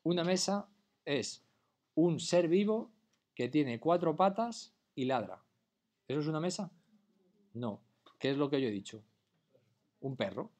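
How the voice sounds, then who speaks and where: A man's voice: a little high, lively intonation, measured pace, pauses often, a little mellow. A man teaching a class, explaining patiently and often checking whether students follow. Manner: patient, keeps checking understanding with questions. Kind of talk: classroom lecture.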